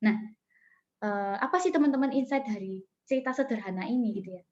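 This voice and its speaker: A woman's voice: a little high, a little fast, a little mellow, dull audio. A woman mentor giving a coaching talk and telling a story, chatty and full of fillers, addressing her audience often over a video call. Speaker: business mentor.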